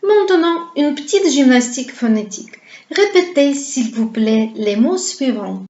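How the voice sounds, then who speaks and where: A Russian language teacher, a woman, gives a slow, carefully paced pronunciation lesson, explaining patiently and asking viewers to repeat words after her. Her voice is high-pitched, expressive, unhurried and a little mellow. The lo-fi recording sounds roomy and slightly dull.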